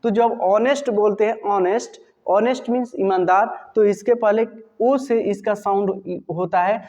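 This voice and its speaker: A man with a Hindi accent teaches a grammar lesson in a fairly high voice. He keeps asking the class short questions, answers them himself and stretches out example sounds. The recording is dull and lo-fi with a long echo hanging in the room. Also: a little mellow. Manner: drills sounds slowly and repeats them.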